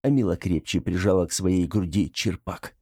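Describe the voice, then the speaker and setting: A man narrating an audiobook with lively, expressive storytelling. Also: low voice, moderate pace, breathy edge, dry recording, clean studio sound.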